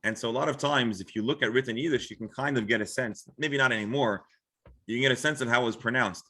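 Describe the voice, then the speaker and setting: The same kind of scene: an American rabbi from Florida, explaining casually in a religious class discussion, restarting and qualifying as he goes. This time his medium-pitched voice moves quickly, bright and forceful.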